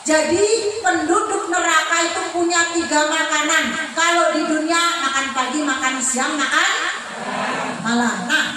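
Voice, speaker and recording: A woman's voice: sits high, unhurried. A woman preaching an Islamic sermon to a group of women, in a dramatic, sing-song way with chanted quotes. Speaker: religious teacher. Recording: echoey, distant hall recording with noise.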